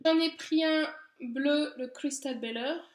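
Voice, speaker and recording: A woman with a high voice talks casually and gushes with enthusiasm as she presents her haul. The sound is echoey and roomy. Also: takes it slowly. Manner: enthusiastic, gushing, chatty with fillers. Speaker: beauty vlogger. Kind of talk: casual product haul chat.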